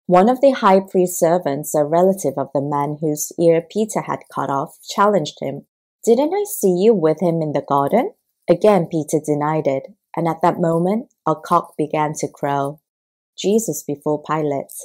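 A woman narrates a scripture audiobook in a steady, measured way. Her voice is low-pitched and mellow, with no sharpness to it.

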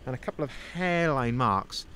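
Poor audio with a little hiss or hum captures a young van sales manager reviewing a van outdoors at a dealership, filmed first-person on his handheld phone. His mid-range voice sounds bright and forceful, with lively intonation at a normal speed, as he upbeatly highlights features and flaws.

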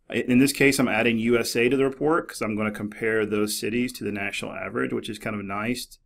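A middle-aged man narrating a screen-recorded tutorial in a relaxed, explanatory way, with many fillers and restarts. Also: fairly low pitch, creaky. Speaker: librarian demonstrating a database. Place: office.

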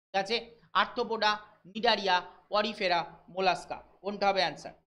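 A man from West Bengal teaching a live online exam-prep class, reading English questions out slowly and explaining them briskly while checking in with his students. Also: sits high, fairly even intonation, sharp tone. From West Bengal, India. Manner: brisk, keeps checking in with listeners.

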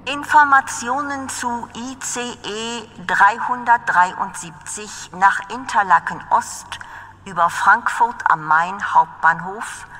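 A woman voicing a railway announcer, making flat, formal, measured platform announcements. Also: fairly high pitch, exaggerated voice. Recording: long reverberant station PA.

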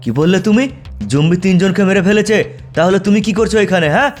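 A man's voice: high-pitched, fast talker, faint music behind, natural voice. A man voicing a stern male police chief in a game video, scolding and urging his men. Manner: scolding, urgent.

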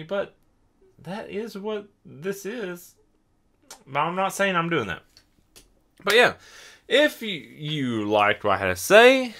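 A young man rambles casually on his podcast, a little drunk and running himself down as he talks. The voice is fairly high, with a bright and forceful quality.

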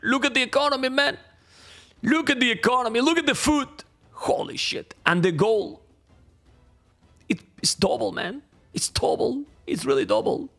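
A Spanish-accented man in his thirties casts a strategy game live from his home streaming room, animated and chatting to viewers, his very high voice going hoarse as he repeats phrases. He speaks at a moderate pace with frequent pauses, and faint game music plays behind him.

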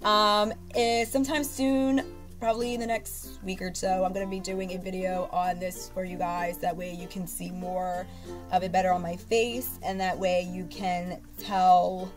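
A beauty vlogger in her twenties, congested from a cold, rambles through a casual haul video to her webcam in her bedroom. Her medium-pitched talk is full of fillers and restarts, picked up by a webcam at arm's length.

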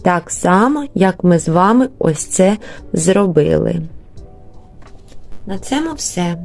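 Woman teacher, super slow and low-ish, stretching words out for little kids, soft music behind. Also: animated, vocal fry. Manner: slow, drawn-out syllable-by-syllable word modeling. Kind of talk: early literacy lesson for young children.

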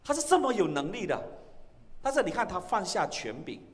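A man's voice: high voice, huge pitch swings, brisk. Guy preaching in church, voice jumps all over, long echo from the big hall. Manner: preaching with swings between loud exclamations and hushed lines. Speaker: pastor. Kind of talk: sermon. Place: church sanctuary.

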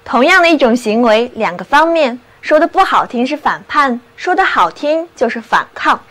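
A young woman hosting a scripted English vocabulary lesson, spelling words letter by letter and slowly repeating example sentences. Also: sits high, big pitch swings, a bit bright.

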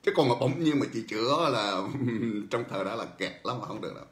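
A man's voice: lowish voice, a little fast. Guy hosting a political talk show, chuckles a lot, echoey room. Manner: animated storytelling, chuckles often. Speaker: host. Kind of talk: political commentary monologue. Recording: roomy echo.

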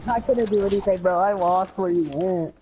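A man's voice: sits high, fairly even intonation, normal speed, warm tone. A man in casual gaming chat, slangy and teasing with the other players. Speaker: gamer on voice chat. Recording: noisy game audio with gunfire. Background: gunfire and clicks from video game.

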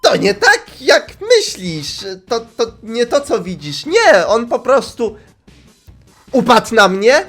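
A man doing a shrill flustered woman. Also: sing-song, takes it slowly, a bit bright, soft background music, heavily acted. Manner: high shrill pleading voice. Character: flustered adult woman, babbling excuses.

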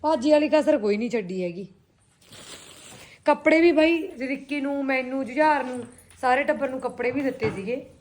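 A woman with a Punjabi accent and a fairly high voice talks in a casual vlog style. She is chatty and familiar, speaking to viewers and companions alike, with clear noise in the recording. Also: moderate pace, a little mellow. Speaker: vlogger and boutique owner.

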